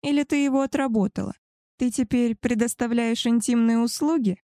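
A spoiled young she-wolf woman, played by a female audiobook reader, her voice pitched high and shrill with scorn. She sounds haughty and contemptuous, and the read is mellow and close, with no room sound. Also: normal speed, no echo, natural voice. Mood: sneering. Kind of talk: audiobook character voice.

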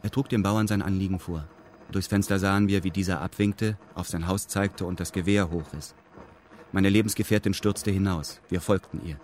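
A man narrates a scripted radio drama at a moderate pace with fairly even intonation, his fairly low voice carrying a darkish tone. The delivery is formal and matter-of-fact, set against clear ambient background noise.

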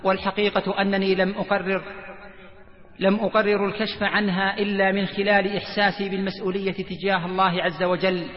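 Preacher, male, high and even voice, earnest dramatic storyteller, recorded in a reverberant hall. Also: a little fast. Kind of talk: sermon retelling a story. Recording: echoey, dull lo-fi hall recording.

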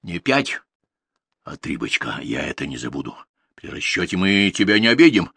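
A male audiobook reader voicing an older village chairman who gently talks a farmer into giving up his cattle. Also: sits low, very animated, moderate pace, creaky, breathy edge, no echo, heavily acted. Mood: coaxing. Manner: gentle, persuasive. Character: older male farm chairman, soft and coaxing.

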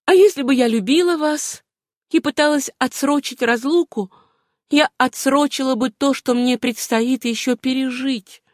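A woman reading an audiobook voices a gentle, wistful young woman with a hard past, speaking softly. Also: sits high, measured pace, no echo, studio quality, pitched above the performer's own voice.

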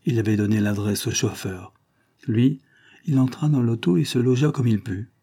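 Husky guy narrating an audiobook, measured and dramatic, mellow dark tone. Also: medium pitch. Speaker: audiobook reader.

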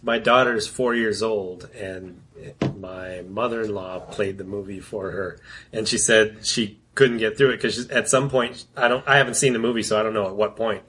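A man's voice: lowish voice, fairly even intonation, normal speed, a bit bright, slight background noise. A man in his forties, a father, co-hosting a casual podcast and telling stories in a laid-back, chuckling way. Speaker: podcast co-host. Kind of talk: casual chat.

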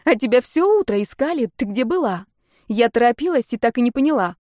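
A woman voicing a lively, excitable young woman who asks blunt questions, in a spoken story reading. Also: on the high side, fairly quick, no room sound, studio quality, pitched above the performer's own voice, lightly acted. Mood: anxious.

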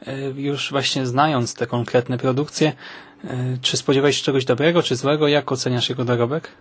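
A man's voice: medium pitch, steady tone, moderate pace, slightly rough, dry recording. A man hosting a conversational film podcast. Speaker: podcast host.

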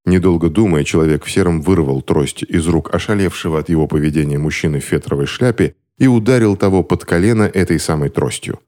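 A man narrating a story in an expressive, scripted reading. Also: low voice, fairly quick, hardly any pauses.

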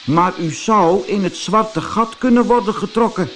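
A man's voice: a little slow, soft background music. A man voicing a small, earnest male satellite in a storybook, polite and worried. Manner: earnest, high and bright. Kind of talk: storybook character voice.

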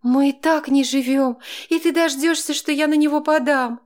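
A man voicing a nervous, quarrelsome young mother who pleads and shouts at her husband in an audiobook. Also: moderate pace. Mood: angry. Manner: pleading, then shrill and shouting.

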